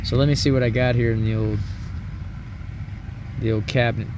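A man's voice: medium pitch, fairly even intonation, a little fast. Folksy man talking while cooking outdoors. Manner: rambling, folksy, chatty. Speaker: cooking vlogger. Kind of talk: casual cooking demonstration. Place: outdoors at a camp stove at night. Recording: distant, dull camera audio with outdoor noise.

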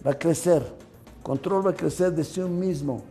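A man's voice: fairly high pitch, normal speed, mellow, faint music behind. An older man giving a management lecture, emphatic and repetitive, asking rhetorical questions, with slightly non-native grammar.

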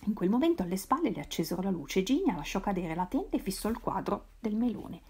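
Husky woman reading a novel aloud. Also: mid-range voice, very animated, quick pace, warm tone. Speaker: reader. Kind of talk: literary read-aloud.

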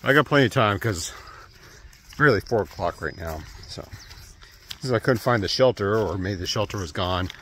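A man's voice: lowish voice, expressive, moderate pace, fairly bright tone, slight background noise. A man in his thirties vlogging casually while hiking a wooded trail, rambling and trailing off with fillers, recorded on an earbud mic with the phone at arm's length. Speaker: thru-hiker vlogger.

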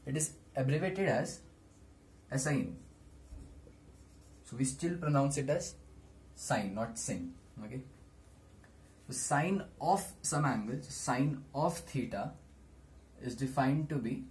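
A young man teaching maths at a whiteboard in a small room, explaining deliberately in short steps. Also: mid-range voice, darkish tone. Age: teens to young adult. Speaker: maths tutor. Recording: noisy small-room camera recording.

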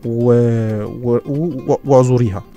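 A middle-aged man with an Egyptian accent, hosting a casual radio advice show and answering listeners, with quick restarts and lively asides. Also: medium pitch, muffled recording. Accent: Egyptian Arabic. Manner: fast, lively, stumbling restarts and laughs. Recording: radio studio with faint music behind.

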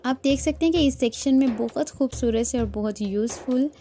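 A woman calmly narrating her shopping vlog as a voice-over. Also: high-pitched, moderate pace, soft background music. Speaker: vlogger.

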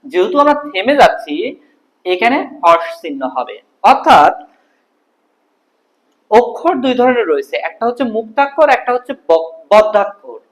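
Tutor, animated pitch, rhetorical-question teaching style. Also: moderate pace, long pauses, low-quality recording. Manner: explains step by step, asks and answers own questions. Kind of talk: classroom grammar lesson.

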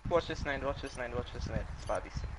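A man calling out plays excitedly during a game, over noisy game sound. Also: medium pitch, racing. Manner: excited shouted callouts. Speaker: gaming friend. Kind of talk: casual gameplay chat.

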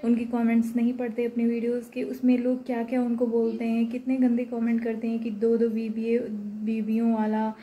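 A woman's voice: fairly high pitch, monotone, fairly quick, few pauses, dull audio. A woman vlogger, giving her opinion in a casual, emphatic and indignant way, repeating her points. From Uttar Pradesh, India.

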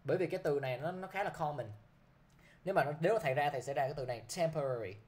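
A man's voice: on the high side, very fast, darkish tone. A man teaching English vocabulary to a class, who keeps checking with his students by repeating a short prompt.

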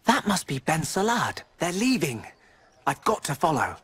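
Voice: mid-range voice, very animated, normal speed, slightly rough, heavily acted. An actor playing an earnest, eager and polite young male adventurer in a video game. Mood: determined. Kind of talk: video game character acting. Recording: loud game music over speech.

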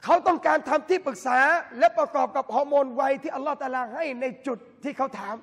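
A man, a religious lecturer, giving a lively talk at a mosque event and bantering with the audience through direct questions. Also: very high-pitched, fast talker. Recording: long hall reverb from a mosque.

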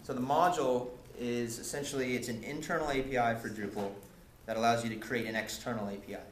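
A young man presents a casual technical talk at a meetup, recorded by a far camera across an echoey lecture room with faint hiss. His mid-range voice is steady and fast, and he explains with many ums and restarts.

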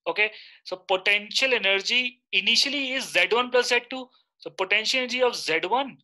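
A man's voice: high voice, sharp tone, rough recording. A man in his thirties with an Indian accent, teaching a live online lecture and often checking in with short questions.

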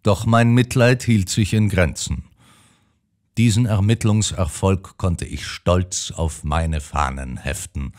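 A man narrating an audiobook in the first person with a measured storytelling delivery. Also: low-pitched, a little mellow.

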